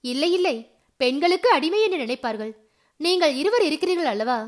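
A woman's voice: sits high, expressive, fairly quick. A woman voicing a cheeky, shameless young man. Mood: nonchalant.

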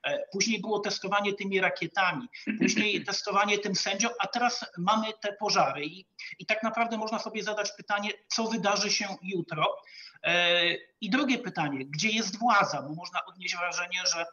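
A man argues in a televised political debate. His voice sits high and sounds bright and forward. He builds points rhetorically, pausing often on hesitation sounds, and the sound is slightly dull and lo-fi. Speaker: political commentator.

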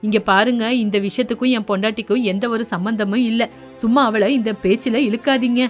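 A woman voicing a young husband in an animated story, lowering her voice to sound firm and protective. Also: a little fast, faint music behind, lightly acted. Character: young husband defending his wife.

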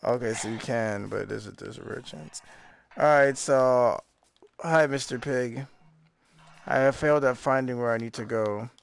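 A young man streaming a video game, chatting and joking casually with a friend and often breaking into excited, high-pitched yells and laughter. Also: a little slow, creaky. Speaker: gaming streamer. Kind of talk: casual gaming chat with a friend.

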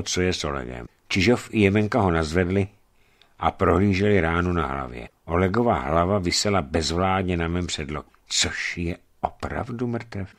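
A man reading an adventure novel aloud in expressive first-person narration. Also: lowish voice. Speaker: audiobook reader.

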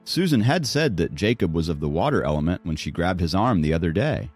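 A man reading a novel aloud as audiobook narrator, in steady scripted narration. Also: deep voice, fast, no echo, faint music behind.

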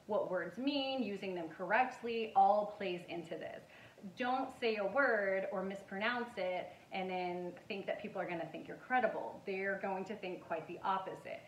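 Woman instructor, casual lecture delivery, chatty with fillers, mic at a distance in a roomy space. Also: medium pitch. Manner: conversational, uses fillers, acts out examples. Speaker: public speaking instructor. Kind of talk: informal lecture. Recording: echoey room from far off with faint noise.

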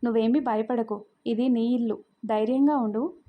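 A woman's voice: on the high side, steady tone, normal speed, narrow, tinny audio, close to an everyday voice. A woman voicing a kind, reassuring mother-in-law. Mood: gentle.

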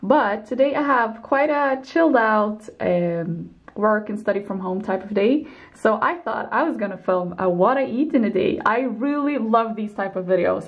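A woman in her twenties with a raspy morning voice, chatting casually through her day while cooking in her kitchen. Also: medium pitch, highs cut off. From Sweden. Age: 20s. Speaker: vlogger. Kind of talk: casual vlog narration. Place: home kitchen.

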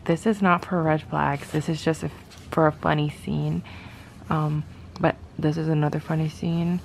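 A woman's voice: deep voice, steady tone, moderate pace, vocal fry, darkish tone, slight background noise, poor audio. A young woman chatting casually about a book she is reading, exasperated and sometimes dropping to a whisper. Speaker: book vlogger. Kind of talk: casual reading vlog chat.

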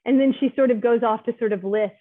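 A woman's voice: a little high, fast, dry recording. A woman clinical social worker giving a conversational webinar talk, often checking in with "right?". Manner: chatty, keeps asking "right?" to check in with listeners. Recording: tinny phone-like audio.

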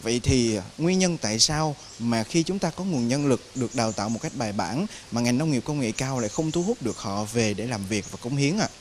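A man's voice: medium pitch, expressive, a little fast, few pauses, a little hiss or hum. Young male reporter, polite and formal. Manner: polite, formal questioning with fillers. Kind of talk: news interview questions.

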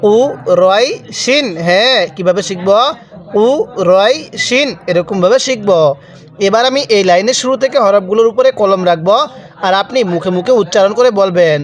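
A man teaching Quranic reading, spelling out words letter by letter, then drawing each out slowly and asking learners to repeat after him. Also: high voice. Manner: slow drawn-out recitation of words, quick explanations.

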